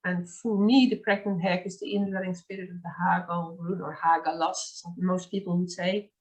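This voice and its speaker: A native Dutch speaker from the Netherlands, this woman hosts a casual conversation with a Dutch accent, eager, chatty and full of fillers. Her fairly low voice is steady and at normal speed, captured on a low-quality video call.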